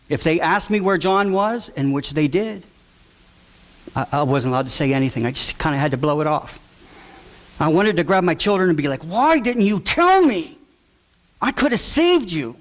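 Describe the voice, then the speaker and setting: A man, a father, telling an audience his personal story in an earnest, emotional way, sometimes acting out the people he quotes. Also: on the high side. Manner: acts out voices in quotes, shouting at times.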